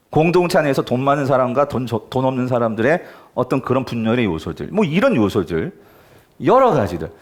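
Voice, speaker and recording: A man preaching as a pastor to his church, explaining scripture in a casual way that keeps asking the congregation questions. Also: on the high side. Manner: conversational preaching with frequent rhetorical questions to the congregation. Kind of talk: sermon.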